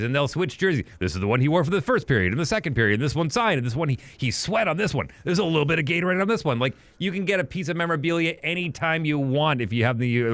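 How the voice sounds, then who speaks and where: A Western Canadian man co-hosts a podcast from an apartment recording studio, rambling through casual sports chat with reminiscences and quick asides. His voice is medium-pitched and a bit bright, with no echo.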